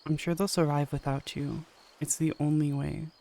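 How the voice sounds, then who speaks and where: Man reading young male soldier, earnest, pleading, even delivery, warm tone, audio story. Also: a little high, moderate pace, creaky.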